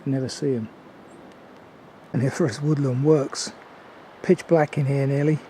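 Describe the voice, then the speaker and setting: An older man giving a casual, unhurried, observational commentary as he films a walk outdoors. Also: medium pitch, fairly even intonation, warm tone, poor audio. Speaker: hiking vlogger. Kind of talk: casual walking commentary to camera. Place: outdoors on woodland and mountain trail. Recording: outdoor ambient noise.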